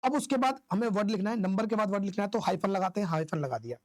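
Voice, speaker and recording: A man's voice: high-pitched, fast talker, no echo. A male teacher giving a classroom-style lecture. He asks questions, answers them himself and repeats the key terms in an informal, coaxing way.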